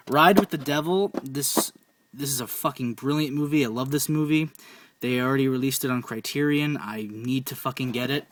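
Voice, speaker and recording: A man's voice: medium pitch, very noisy. Enthusiastic young man swearing about movies. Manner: enthusiastic, swears often, repeats titles. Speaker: film collector reviewing his DVD shelf. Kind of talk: casual profane movie recommendations.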